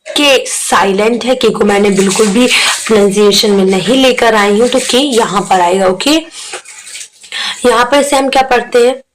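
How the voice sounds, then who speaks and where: A woman teacher, going through an exam revision lesson and explaining each word slowly. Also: on the high side, a little hiss or hum, low-quality recording.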